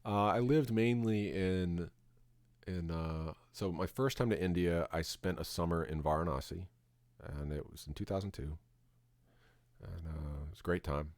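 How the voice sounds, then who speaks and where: Deep-voiced man chatting while gaming. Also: normal speed, a little mellow, no echo. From Florida, USA. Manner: rambling, with many restarts and fillers. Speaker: streamer. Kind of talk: casual chat while gaming.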